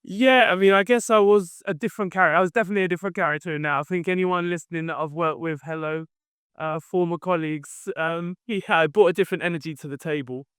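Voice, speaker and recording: A London company founder, appearing as a podcast guest, gives conversational interview answers about his career. He explains things in a relaxed, thoughtful way, with frequent fillers as he thinks. His slightly high voice is smooth and resonant, recorded close and dry with no room sound.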